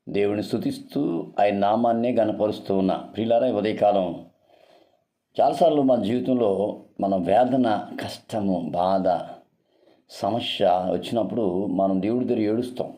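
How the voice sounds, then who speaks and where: Telugu-accented male pastor, low dark tone, earnest pleading sermon delivery. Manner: earnest, pleading, repeats rhetorical questions. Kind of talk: devotional sermon.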